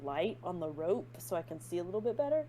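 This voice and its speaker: A woman's voice: on the low side, very animated, quick pace, dark tone. A woman playing a tabletop game, talking casually and hesitantly and laughing easily. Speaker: player.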